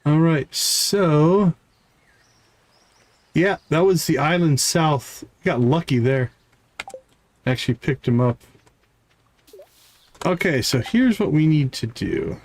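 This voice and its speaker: A game streamer gives casual live commentary on the game he's playing, reading its dialogue aloud and talking to the characters. His slightly high voice has lively intonation, a slow pace, and frequent pauses.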